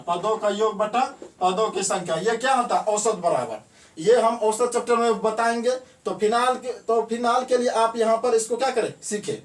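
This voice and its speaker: In a classroom, a man with a high voice teaches math, repeatedly posing a question and answering it himself while saying key words twice. He sits some way off the mic, so his voice echoes around the room over a slight hiss or hum.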